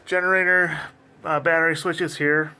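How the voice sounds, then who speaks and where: A man's voice: on the high side, level tone, moderate pace, sharp tone, a little hiss or hum. A man giving an informal, hands-on explanatory tour in a yacht engine room, speaking in a practical, matter-of-fact way as a member of the boat's crew. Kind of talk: informal explanatory walk-through.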